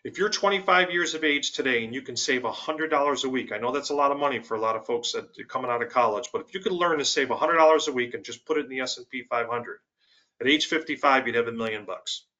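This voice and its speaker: A man guesting on a finance webinar, his voice bright and forceful. He talks through worked examples with emphasis. The sound is dull and lo-fi, like a web call. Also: mid-range voice, quick pace. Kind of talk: webinar explanation.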